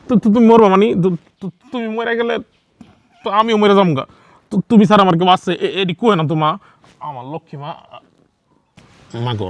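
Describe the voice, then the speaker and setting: Casting: actor as quick, stuttering peacemaking son, slightly high, soft music. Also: male voice, slightly rough. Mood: anxious coaxing. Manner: stammering, soothing, coaxing. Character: meek young son caught between mother and wife. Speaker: son and husband. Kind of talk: TV drama acting.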